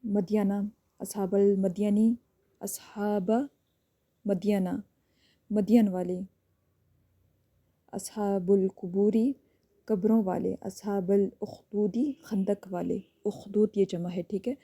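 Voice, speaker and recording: A woman gives a recorded lesson in a very dark, mellow voice. She walks through each point step by step and keeps checking in with a short "okay" before moving on. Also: mid-range voice, level tone. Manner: explains step by step, often checks with a quick "ठीक है". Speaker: teacher.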